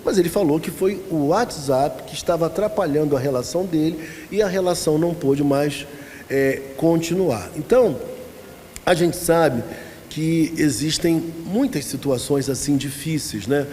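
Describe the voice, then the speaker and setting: Brazilian pastor in a reverberant church hall. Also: male voice, on the high side, normal speed, mellow, a little hiss or hum. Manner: asks the congregation questions and tells anecdotes. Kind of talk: conversational Bible-study lesson.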